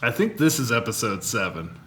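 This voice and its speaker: A man's voice: lowish voice, sing-song, brisk, fairly bright tone. A man hosting a podcast in casual chat, easygoing and laughing with his brother. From Canada. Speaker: podcast host.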